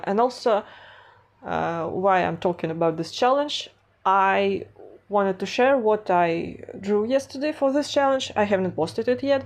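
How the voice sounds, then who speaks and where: Her voice sits on the low side with a darkish tone as this cold-stuffed woman narrates a casual vlog about her art. A native Russian speaker, she's hesitant throughout, filling pauses and restarting often.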